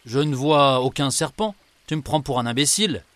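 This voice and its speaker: A man's voice: on the high side, normal speed, fairly bright tone, no room sound, pitched above the performer's own voice, lightly acted. A man doing a blustering forest ogre. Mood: grumbling. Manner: blustering, then whimpering. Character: huge hairy forest ogre, greedy, cowardly.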